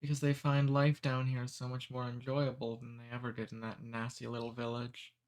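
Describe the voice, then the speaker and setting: Playing a polite, human-abducting demon for ASMR, a man speaks softly and at a normal, easy pace, amused and cordial, teasing gently but never menacing. His natural voice is medium-pitched in a plain middle register, and his delivery is completely flat.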